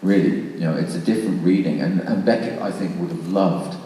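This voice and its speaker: On a panel at a public discussion, a man with a low, dark voice talks a little fast with fairly even intonation, casually and thoughtfully laying out his views. The large hall is very echoey, the mic is far off, and faint noise can be heard.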